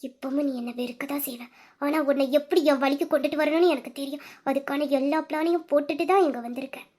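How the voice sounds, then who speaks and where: A woman playing an obsessive young woman who schemes to win back her lover, speaking low and slipping into menacing whispers. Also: a little mellow, natural voice. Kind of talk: audio drama acting.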